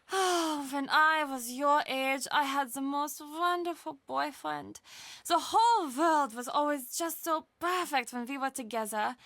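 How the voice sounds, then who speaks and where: A chatty middle-aged aunt in a video game, high bright voice, warm n confiding. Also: female voice, no echo, heavily acted. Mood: warm, encouraging.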